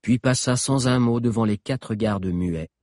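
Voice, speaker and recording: A man with a husky voice narrating an audiobook in an expressive storytelling manner. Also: medium pitch, a little slow, no echo, clean studio sound.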